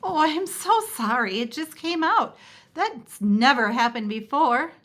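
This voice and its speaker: A woman's voice: sits high, sing-song, unhurried, sharp tone, pitched above the performer's own voice, heavily acted. A woman voicing a timid, earnest young male dragon in a storybook read-aloud, with an eager, apologetic manner.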